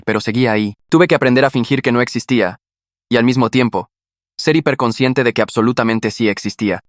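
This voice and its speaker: Brisk male story narrator. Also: mid-range voice, dry recording, clean studio sound. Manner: brisk, steady storytelling read. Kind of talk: scripted first-person story narration.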